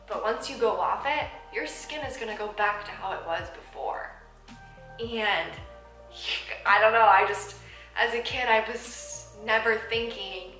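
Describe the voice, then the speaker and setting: A woman's voice: mid-range voice, sharp tone. Twenties woman vlogger, emotional and candid, lots of ums, echoey room. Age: 20s. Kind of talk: personal vlog talking to camera. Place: apartment room.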